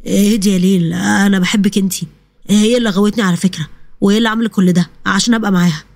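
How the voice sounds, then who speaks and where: A woman doing a pleading, lower-voiced cheating man. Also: steady tone, racing, vocal fry, darkish tone, no echo. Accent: Egyptian Arabic. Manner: pleading, defensive.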